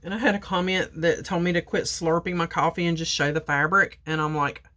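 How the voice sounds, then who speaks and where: A woman's voice: on the low side, steady tone, brisk, fairly bright tone. A woman vlogger chatting casually through an unboxing, talking to her viewers, repeating herself and sipping coffee as she goes. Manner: sips coffee while talking. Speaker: crafting vlogger.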